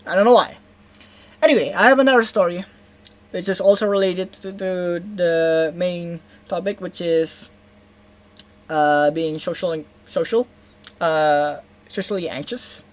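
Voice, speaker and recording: A young woman from Indonesia vlogs casually, telling a story in a lowish voice that moves a little slowly. Her Indonesian accent comes through as she rambles, pauses to fix what she said, and often tags on "right?"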